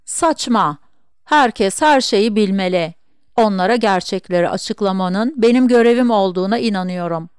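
A woman's voice: mid-range voice, moderate pace, clean tone, no room sound, studio quality, natural voice. A woman voicing a gossipy, proud middle-aged sister in an audiobook reading, with eager, insistent chatter.

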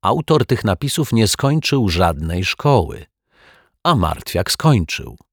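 A calm, thoughtful detective with a good-humoured, measured way of reasoning, as a male storybook narrator puts him on. His voice stays low and husky, recorded dry and close. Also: dry recording, exaggerated voice.

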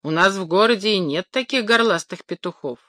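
A woman's voice: mid-range voice, fairly quick, bright, forceful tone, dry recording, studio quality, natural voice. A woman voicing a poor watchman's scornful wife in a storybook reading.

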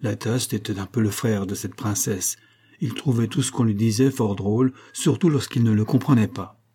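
A man reading a classic novel aloud in a measured, even narration. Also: on the low side, slightly rough. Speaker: audiobook narrator. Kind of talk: literary audiobook narration.

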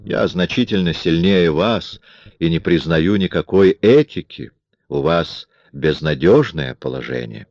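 A man voicing a cold, mocking man in an audiobook, with a smooth, coolly taunting manner. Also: sits low, animated, measured pace, a little mellow, dry recording, lo-fi sound. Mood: menacing. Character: cold, mocking man forcing himself on a woman. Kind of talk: audiobook character reading.

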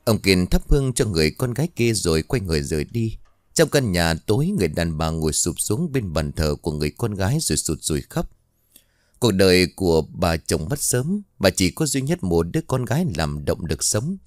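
Male storyteller, very low voice, dry close read, measured. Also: sing-song, no echo. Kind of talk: scripted ghost-story narration.

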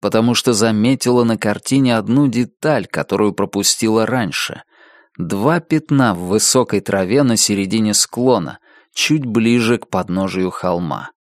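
A man reading a novel aloud as an audiobook narrator, measured and expressive, slowing down to stress key words. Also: lowish voice, no room sound, studio quality.

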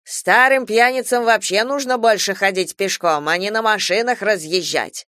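A woman's voice: medium pitch, normal speed, pushed and bright, no echo, clean studio sound, natural voice. Woman doing a sneering rude male driver. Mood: mocking. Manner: teasing, sneering. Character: mocking rude male chauffeur.

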